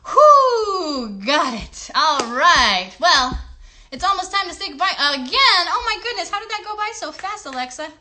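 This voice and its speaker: With an extremely high, pushed and bright voice and big pitch swings, a woman hosting a children's show gives young viewers playful, encouraging instructions and singalong at an unhurried pace. She addresses the children directly, and clear background noise comes through on the livestream.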